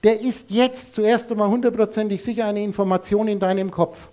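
Male lecturer, high voice, blunt and emphatic, rhetorical questions, live talk to an audience. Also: little pitch movement, fairly quick, darkish tone.

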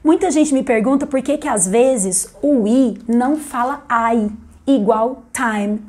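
A woman's voice: fairly high pitch, dark tone. Chatty Brazilian woman teaching English. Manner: chatty, explains slowly, repeats English words for emphasis. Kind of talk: casual video lesson.

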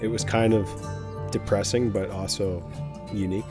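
A young man with a deep, low-pitched voice narrates his backcountry trip in a voice-over. He talks plainly and easily, pausing and using fillers. Music plays clearly under him. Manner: relaxed, plain-spoken, with fillers and pauses. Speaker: fishing vlogger.

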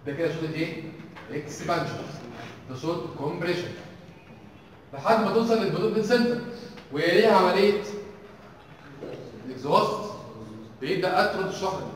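Rapid-fire Egyptian man lecturing in an echoing hall. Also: high-pitched, lively intonation, slight background noise. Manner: quizzes the class with constant questions. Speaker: engineering teaching assistant. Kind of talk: university tutorial lecture. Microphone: distant room mic. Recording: echoey hall recorded from far off.

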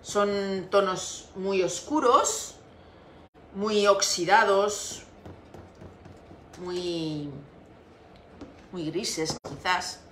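A woman with a Spanish accent hosting a live craft tutorial, explaining haltingly as she searches for words. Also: medium pitch, fairly bright tone, roomy sound, slight background noise. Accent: Spain Spanish. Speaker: craft channel host.

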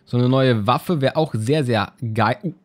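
A man's voice: mid-range voice, measured pace. A man giving casual, rambling commentary on a game he is playing, often repeating words as he browses items. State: yawning, just woke up. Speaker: let's play host.

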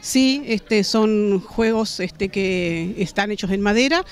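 A woman in her forties with a Uruguayan accent, a school principal answering a news interview outdoors, speaking in a measured way with many "este" fillers. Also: mid-range voice. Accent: Uruguayan Spanish. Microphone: handheld reporter mics held to her face.

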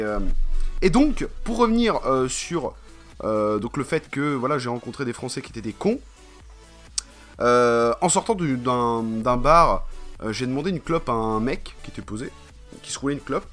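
A man's voice: mid-range voice, a bit bright. A man from France chatting casually to camera in a vlog, rambling and slangy, with many fillers. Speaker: vlogger.

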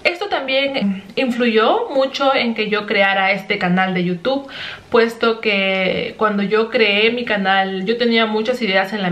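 A woman's voice: mid-range voice, fairly bright tone. A young adult woman vlogging, telling a personal story in an earnest, chatty way and often tagging her sentences with a questioning "right?". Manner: earnest, chatty, tags lines with "¿no?".

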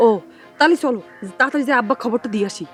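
An actress playing a lively young village woman in a TV drama, brisk and teasing with her sweetheart. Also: high voice, faint music behind. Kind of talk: TV drama acting.

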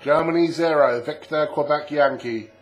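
A man's voice: fairly high pitch, normal speed. A man working as an amateur radio operator, repeating a phonetic callsign in a clipped way. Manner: clipped, repetitive. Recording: radio operating with static noise.

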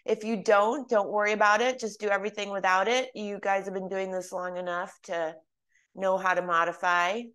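A woman in her fifties leading a live online exercise class from home, chatting and laughing before calmly cueing each move. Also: mid-range voice, normal speed. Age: 50s. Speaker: fitness instructor.

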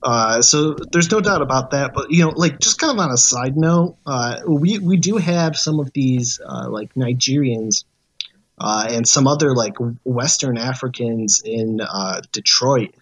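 Male guest, mid pitch, casual chat, halting delivery with many fillers. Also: fairly bright tone. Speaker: podcast guest.

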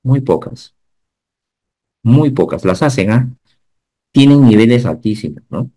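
A man, giving an animated online safety lecture and often checking whether the class follows. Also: medium pitch, unhurried. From Peru. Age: 50s. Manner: animated teacher, asks the class checking questions. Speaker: occupational safety instructor.

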